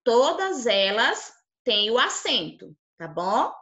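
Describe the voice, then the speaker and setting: A woman's voice: a little high, very animated, slow, fairly bright tone, lo-fi sound. A young woman with a Brazilian Portuguese accent teaching young children online. She explains step by step, patiently, and often checks that they understood. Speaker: primary school teacher. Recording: echoey room.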